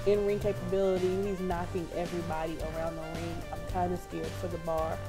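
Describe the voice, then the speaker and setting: A woman's voice: lowish voice, flat delivery, fast talker. Lady on a sports podcast just chatting, music playing under her. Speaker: wrestling podcast panelist. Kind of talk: casual sports chat.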